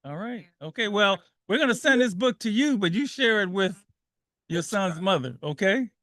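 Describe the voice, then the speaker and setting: A man's voice: high-pitched, animated, normal speed, sharp tone, dry recording, clean studio sound. A man hosting a call-in radio show who talks with energy, repeats his phrases and laughs easily. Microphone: studio microphone.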